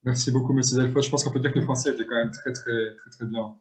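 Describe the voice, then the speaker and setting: A man's voice: medium pitch, fairly even intonation, quick pace. A man moderating a talk, politely and formally thanking and introducing speakers.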